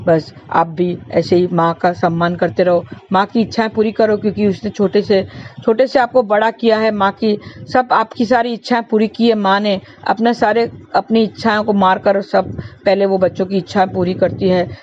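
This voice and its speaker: A woman narrating a devotional moral story, earnest and preachy, repeating her points again and again. Her voice sits at a middle pitch, and the recording sounds dull and lo-fi. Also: fairly even intonation, normal speed, darkish tone, a little hiss or hum.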